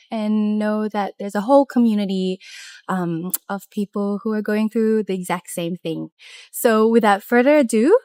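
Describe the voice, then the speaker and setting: A woman's voice: medium pitch, darkish tone, clear, resonant tone, dry recording, clean studio sound. A woman host introducing a series in a friendly scripted way.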